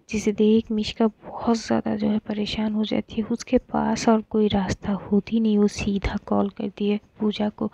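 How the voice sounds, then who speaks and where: A woman storyteller narrating a romance in a soft, half-whispered way, with stammering restarts. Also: medium pitch, gravelly, breathy edge, no room sound, dull audio.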